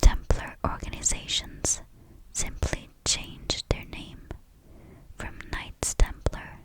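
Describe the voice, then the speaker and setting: A woman reads scripted history in a soft, unvoiced ASMR whisper. She is very close to the stereo microphone, whispering into one ear and then the other. Her delivery is very slow and measured. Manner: whispering close into the listener's ears, moving ear to ear.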